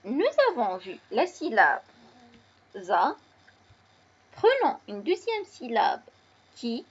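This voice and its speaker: Slow, deliberate woman teaching reading. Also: fairly high pitch, huge pitch swings, breathy edge. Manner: spells out letters and syllables slowly and deliberately. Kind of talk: slow reading lesson for children.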